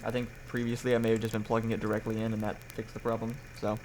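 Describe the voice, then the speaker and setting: A man's voice: fairly low pitch, monotone, rapid-fire, noisy background. A young man hosting a casual livestream podcast on poor-quality audio, rambling and restarting his sentences. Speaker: podcast host.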